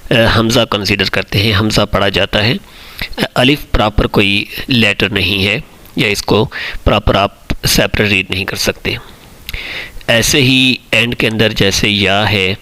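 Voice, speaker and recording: A man teaching the Quranic alphabet online, reciting each letter slowly and patiently and explaining it in Urdu mixed with English words. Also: fairly low pitch, sharp tone.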